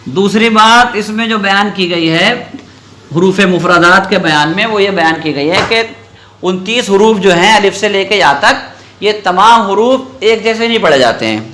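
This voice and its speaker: A man's voice: high-pitched, sharp tone, a little hiss or hum. A man teaching Quran reading. He asks his class questions, answers them himself, and draws out the letter sounds in a sung way.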